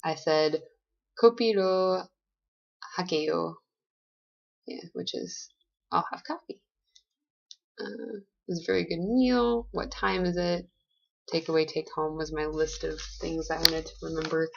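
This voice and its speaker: A woman's voice: deep voice, fairly even intonation, moderate pace, vocal fry, highs cut off. An American woman in her twenties, chatty and playful, narrating a casual travel diary. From United States. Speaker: vlogger.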